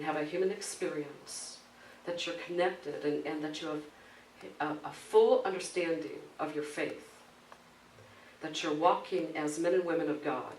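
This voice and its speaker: A man, a minister, preaching a conversational sermon with storytelling, often asking the congregation questions. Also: fairly high pitch. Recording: roomy hall from a distance, faint background noise.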